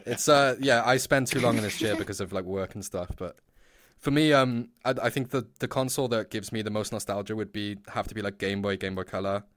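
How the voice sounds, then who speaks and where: A young man in his twenties hosts a casual podcast chat, his voice sitting on the low side. He rambles, swears freely and keeps breaking into laughs, and the sound is dry and close with no room around it. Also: brisk, fairly bright tone, dry recording. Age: 20s. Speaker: podcast host.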